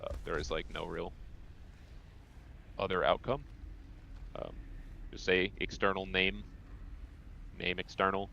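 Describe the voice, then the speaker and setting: Deep-voiced New Jersey raid leader. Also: male voice, unhurried, creaky, pauses often, a little hiss or hum. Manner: calm, instructive, many fillers. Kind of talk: explaining strategy on voice chat. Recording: dull lo-fi voice chat.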